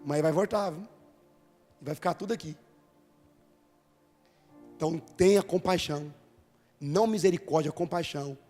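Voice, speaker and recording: A man with a Brazilian Portuguese accent preaching a sermon to a congregation, moving from storytelling to loud, fervent preaching. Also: on the high side, moderate pace, pauses often. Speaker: pastor. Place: church hall. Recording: reverberant church hall with music.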